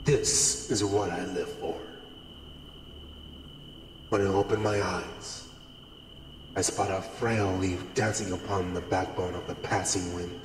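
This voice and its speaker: A streamer reading a visual novel aloud through a voice changer, voicing an eccentric narrator obsessed with the color red in a slow, dreamy way. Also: deep voice, flat delivery, noisy background, voice pushed down. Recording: roomy reverb with music behind.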